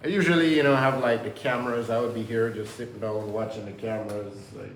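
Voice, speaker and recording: Jamaican-born guy rambling to his camera at work, kinda low voice, echoey room. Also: steady tone, fast talker, a little hiss or hum. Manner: loose, rambling, preachy self-motivation talk. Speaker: vlogger. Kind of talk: casual talking to camera. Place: indoor workplace under renovation. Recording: echoey room with faint ambience.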